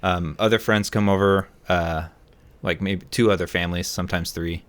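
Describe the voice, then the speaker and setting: Brief: man in his 30s with a lowish voice, podcast co-host, loose, rambling anecdote with plenty of "uh" and "like". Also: fairly even intonation, normal speed, a bit bright, clear, resonant tone. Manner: rambling storyteller, many fillers and laughs. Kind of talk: casual chat.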